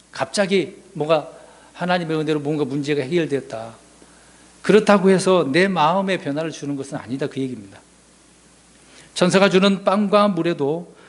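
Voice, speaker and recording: Higher-voiced man preaching a sermon. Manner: asks the congregation questions, swings from loud to hushed. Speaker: pastor.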